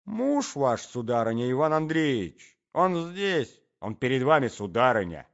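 A man's voice: medium pitch, lively intonation, normal speed, lightly acted. A man playing a jealous, agitated young man who speaks with indignant urgency, on a dull lo-fi recording.

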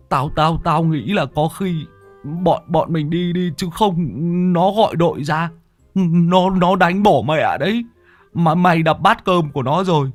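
A man's voice: on the high side, pitched above the performer's own voice, lightly acted. A man voicing a jittery, fearful male passenger who stammers. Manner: frantic, stammering.

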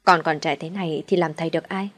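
A woman's voice: low-pitched, steady tone, fast. A woman voicing a firm, level-headed young woman speaking politely in a storybook reading.

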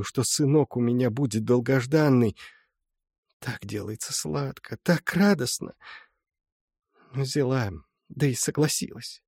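A man's voice: medium pitch, slightly rough, dry recording, clean studio sound. A man voicing a humble old village mother. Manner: soft storytelling, folksy and confiding. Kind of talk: audiobook reading.

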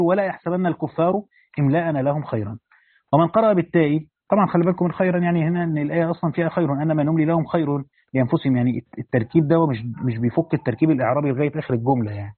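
Fast-reading Egyptian man, tinny sound. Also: fairly high pitch, breathy edge, dry recording. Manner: reads classical Arabic, then breaks into colloquial asides. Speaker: teacher reading a Quran commentary. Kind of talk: reading a classical text aloud with explanations.

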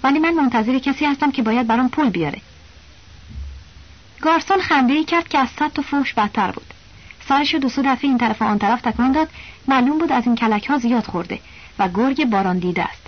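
A woman with a high voice reads a novel aloud in a steady, plain first-person storytelling manner. The audiobook recording sounds dull and lo-fi. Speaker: audiobook narrator.

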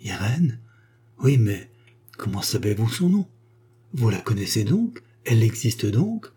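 A man's voice: lowish voice, sing-song, unhurried, warm tone, breathy edge, heavily acted. A man voicing an old male mountain chieftain, proud and haunted, speaking in an impassioned, fearful way. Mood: anguished.

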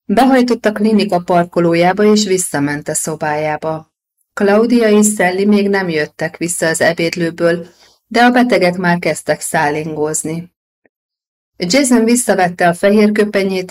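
A woman narrating a novel as an audiobook in a steady, even storytelling manner. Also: on the low side.

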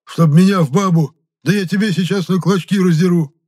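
A man's voice: mid-range voice, moderate pace, a little mellow, pitched above the performer's own voice, lightly acted. A man voicing a whiny, moaning male spirit stuck inside a rotting corpse, who sometimes bursts into roaring.

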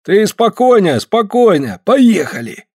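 Gruff loud workman, blunt and bossy, pitched up, a man putting it on for an audiobook. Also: very animated, moderate pace, no room sound, clean studio sound.

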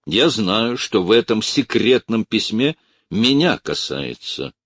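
A man playing a blunt, stern army officer who speaks in clipped, forceful commands, in a storybook reading. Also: on the low side, big pitch swings, takes it slowly, husky, dry recording, clean studio sound, pitched above the performer's own voice, exaggerated voice.

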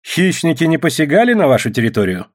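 A man's voice: fairly high pitch, very animated, fast, pitched above the performer's own voice. A man voicing a stern male official who questions sharply in an audiobook. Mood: questioning. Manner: probing, stern. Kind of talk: audiobook narration.

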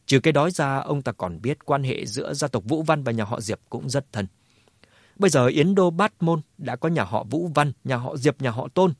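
A man narrating a novel as an audiobook in a steady storytelling manner. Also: mid-range voice, moderate pace, no room sound, studio quality. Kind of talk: scripted narration.

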